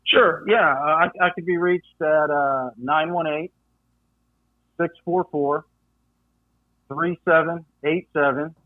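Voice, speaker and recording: Middle-aged man, lively storyteller, many fillers, thin phone-like sound, dry. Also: fairly high pitch, takes it slowly, pauses often, dry recording. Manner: animated storyteller acting out voices, frequent fillers. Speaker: coin dealer guest. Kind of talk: storytelling in casual interview. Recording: tinny phone-like dry line.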